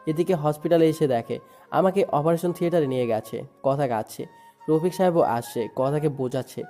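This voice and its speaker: A man's voice: on the high side, brisk, warm tone, faint music behind. A man narrating a first-person dramatic story in a sorrowful, emotive way. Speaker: narrator and lead voice.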